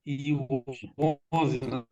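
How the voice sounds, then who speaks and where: A man's voice: mid-range voice, steady tone, very slow, warm tone. A man joins an online study group from a hotel room, hesitant and repeating words while his connection keeps cutting out. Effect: choppy online connection that keeps breaking up. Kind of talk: casual call-in remarks. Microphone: online video call. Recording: dull, lo-fi call audio cutting out.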